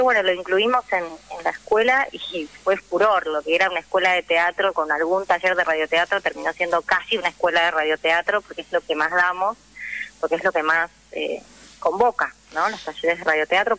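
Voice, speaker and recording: With a lowish voice, a sharp tone, and a brisk delivery, an actress who teaches radio drama speaks as a radio interview guest in Rioplatense Argentine Spanish. She's conversational and goes into long explanations, though the audio is poor.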